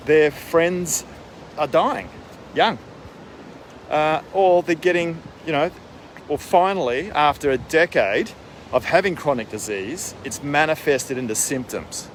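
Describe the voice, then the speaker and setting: Man coaching casually over loud outdoor wind. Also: a little high. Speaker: wellness coach for executives. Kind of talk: casual spoken advice vlog. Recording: windy outdoor mic, boat and water noise.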